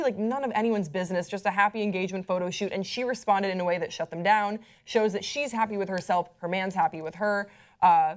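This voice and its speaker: A woman co-hosting a pop culture show, a stand-up comic who talks in an upbeat, chatty way and steers the talk with questions. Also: mid-range voice. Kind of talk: casual panel chat.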